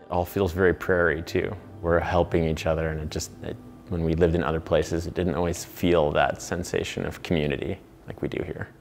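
A man who owns a restaurant talks eagerly and loosely, with plenty of fillers. His voice is very low and gravelly. He is recorded in a roomy space with music playing behind him. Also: flat delivery, brisk. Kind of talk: documentary interview.

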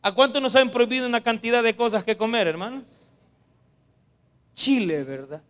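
A man preaching a Sunday sermon, animated and calling his listeners brother and sister. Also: very high-pitched, normal speed. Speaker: pastor.

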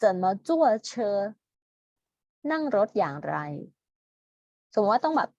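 A woman with a Thai accent teaching Chinese, saying each word slowly twice so students can repeat it. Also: medium pitch, big pitch swings, vocal fry, a little mellow, breathy edge, no room sound, muffled recording. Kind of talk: language lesson, slow model pronunciation.

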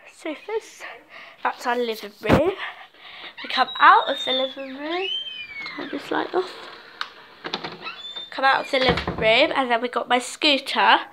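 A woman's voice: high-pitched, a little slow, long pauses, noisy background. A woman giving a casual walk-through of her home, chatting and listing things as she goes, recorded on a handheld phone indoors. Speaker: vlogger giving a house tour. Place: inside a home, moving between rooms. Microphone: handheld phone camera.

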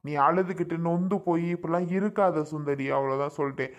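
A woman's voice: fairly low pitch, quick pace, natural voice. A woman playing an older female relative, comforting and firmly advising in a family comedy skit. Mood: consoling. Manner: consoling, firm. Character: older female relative, consoling but firm.

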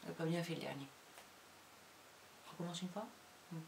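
A woman teacher giving a slow dictation to young pupils, calling out each syllable loudly and patiently. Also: low-pitched, fairly even intonation, vocal fry, reverberant, recorded from a distance, a little hiss or hum. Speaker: primary school teacher.

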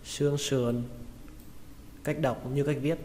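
Guy teaching pronunciation, super slow, says every word twice, bit of reverb and faint hiss. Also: mid-range voice, fairly even intonation, warm tone. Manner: repeats each word slowly and carefully. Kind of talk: slow spoken vocabulary lesson. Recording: long reverb with faint noise.

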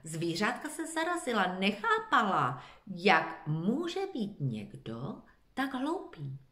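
A woman teacher reading a children's storybook aloud with expressive, lively narration, in an echoey room. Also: mid-range voice.

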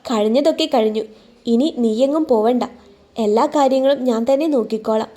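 A woman narrator lends her voice to a young man in a spoken story who starts off curt and turns tender and teasing. The voice sits fairly high and has a soft, mellow color. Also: brisk, natural voice. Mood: gentle.

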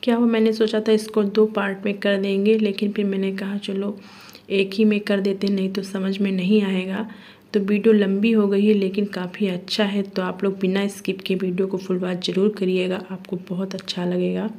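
A woman's voice: medium pitch, flat delivery, normal speed, dark tone. A young woman with a Uttar Pradesh Hindi accent narrating her family vlog in a chatty way, full of filler words. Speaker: vlogger.

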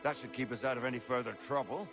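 An actor playing a sarcastic, mocking conspirator in a video game. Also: male voice, medium pitch, fast, music in the background, close to an everyday voice.

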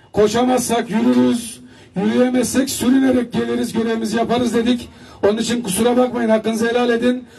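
Kısık, boğuk, yüksek perdeli erkek sesi. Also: male voice, high-pitched, husky. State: hoarse. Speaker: rally presenter. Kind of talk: addressing a crowd. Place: outdoor square, stage with PA. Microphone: handheld mic, filmed by far camera. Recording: distant mic, outdoor loudspeaker sound.

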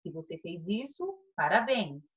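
A young Brazilian woman teaches an online class in a lively, sing-song voice that swoops up and down. She draws out each key word as she walks through the answers. The recording is dull and lo-fi. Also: on the low side, unhurried. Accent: Brazilian Portuguese. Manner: cheerful, sing-song, stretches key words.

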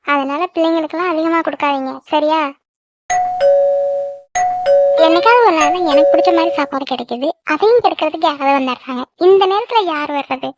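A woman voicing a sassy high-pitched cartoon village girl. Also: very noisy. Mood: cheeky. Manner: sassy, whiny, quick-tongued. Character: cheeky teenage village daughter, loves her brother. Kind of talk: cartoon voice acting.

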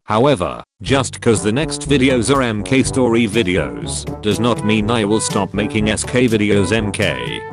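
Robotic text-to-speech man, lowish pitch. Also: normal speed, hardly any pauses, music in the background. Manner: flat, evenly paced computer reading. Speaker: YouTuber giving a channel update. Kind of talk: text-to-speech channel update.

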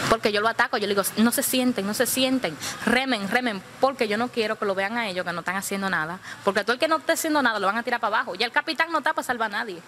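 A woman's voice: mid-range voice, background noise. Woman retelling a sea ordeal. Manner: vivid, acts out the voices of others. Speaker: migrant survivor telling her story. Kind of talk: emotional first-person storytelling.

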